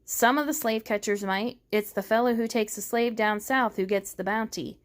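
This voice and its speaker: A woman's voice: on the high side, normal speed, lightly acted. A woman reading aloud, voicing an impatient, protective thirteen-year-old boy. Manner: impatient, blunt.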